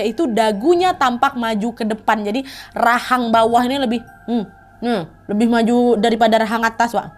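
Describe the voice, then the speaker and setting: A woman with a Riau Malay accent narrates a horror story casually, in a chatty, animated way. Her voice sits fairly high for a woman. She acts out the characters as she goes. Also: slight background noise.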